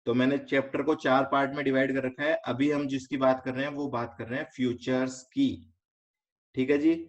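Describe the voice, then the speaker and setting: Speaking with a flat, mid-range delivery, a man with an Indian accent lectures on finance online. He builds the lesson step by step, asks quick questions to check comprehension, and mixes English terms into his talk. Audio is slightly dull and lo-fi.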